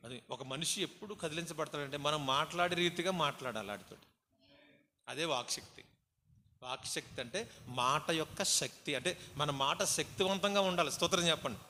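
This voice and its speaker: Bright-voiced preacher man, echoing hall. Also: a little high. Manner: exhorting, calls for praise responses. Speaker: pastor. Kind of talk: sermon. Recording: hall reverb, faint background noise.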